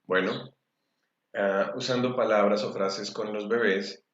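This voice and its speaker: Low-voiced man lecturing in an echoey room. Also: fairly even intonation, slow pace, fairly bright tone. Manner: acts out scolding parents in quoted phrases. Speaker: emotional rehabilitation speaker. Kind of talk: lecture to an audience. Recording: echoey room, dull lo-fi sound.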